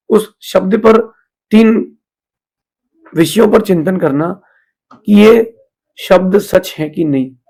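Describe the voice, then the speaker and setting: Monk, sermon, high gravelly husky voice, talks plainly to his listeners. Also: a little mellow. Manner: conversational teaching, mixing in English phrases. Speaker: Jain monk giving a discourse.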